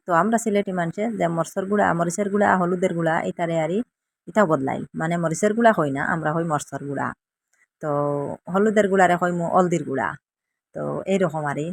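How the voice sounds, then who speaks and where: A woman's voice: lowish voice, a little hiss or hum. A middle-aged woman from Assam with a Sylheti accent, chatting homely and repetitive in a casual cooking vlog from her village kitchen. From Assam, India. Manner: chatty, homely, repeating words for emphasis. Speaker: village lifestyle vlogger. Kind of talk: casual cooking vlog, explaining dialect words.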